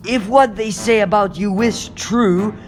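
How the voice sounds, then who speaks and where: The youthful, unhurried hero of a Saturday cartoon, airing his troubles and quips from a rooftop in a high voice, played by a man. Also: slight background noise. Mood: astonished, defiant. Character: young male superhero, self-pitying, wisecracking, easily flustered. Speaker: voice actor in a comic dub. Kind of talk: animated superhero cartoon-style dub.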